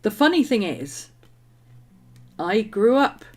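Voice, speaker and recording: Very animated at a medium pitch, she takes her time speaking. This middle-aged woman from England's West Country, with an accent mixing West Country and Manchester, is a journaling streamer who chats casually and bubbly as she crafts, full of ums and laughter, with faint background music.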